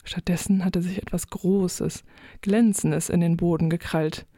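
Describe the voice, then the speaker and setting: A woman narrating a children's audio story in the first person, with gentle, expressive storytelling. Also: lowish voice, measured pace, no echo, studio quality.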